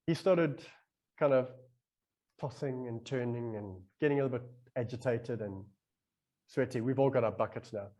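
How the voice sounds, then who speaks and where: A man in a casual podcast conversation, telling a long story in a rambling, animated way and acting out his own inner voice as he goes. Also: medium pitch, normal speed.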